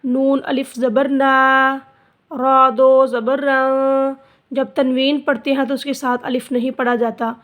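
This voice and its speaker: Slow, high-voiced woman teaching recitation. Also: little pitch movement, a bit bright. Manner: spells letters and vowels, then draws out each word. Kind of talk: slow spelled-out recitation lesson.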